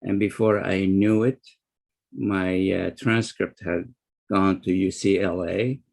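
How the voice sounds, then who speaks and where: Older man, interview guest, low gravelly voice, halting delivery. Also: little pitch movement, darkish tone. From Lebanon. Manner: unhurried, halting with fillers and restarts. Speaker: guest psychologist. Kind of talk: interview storytelling.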